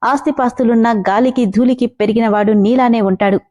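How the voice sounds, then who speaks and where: Woman narrator voicing a wounded young wife; earnest, mellow, a little high. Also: steady tone, a little fast, natural voice. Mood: furious. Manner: pleading then scolding.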